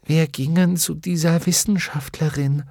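A man's voice: fairly high pitch, steady tone, measured pace, gravelly, darkish tone, no room sound, studio quality, voice pushed up. A man voicing an anxious, guilty animal spirit. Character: shape-shifting animal companion, anxious and guilty.

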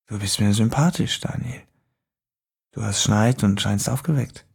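A man voicing a sinister, soft-spoken stranger who talks in a husky, coaxing half-whisper. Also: on the low side, unhurried, exaggerated voice. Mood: menacing hush.

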